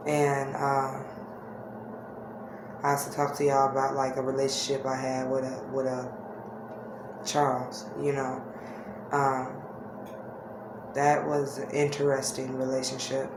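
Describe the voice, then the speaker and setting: A woman speaks in a low voice with little rise or fall. She shares personal stories in a casual, reflective and halting way, as if to regular viewers. The room echoes around her. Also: monotone. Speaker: vlogger. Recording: echoey room with faint-to-clear background noise.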